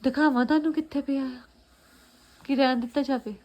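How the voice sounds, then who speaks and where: Indoors at home, a mother with an Indian Punjabi accent chats in a family vlog, playful and doting as she coaxes her child, often repeating phrases. Her voice is high-pitched, a little mellow and a little fast, with fairly even intonation.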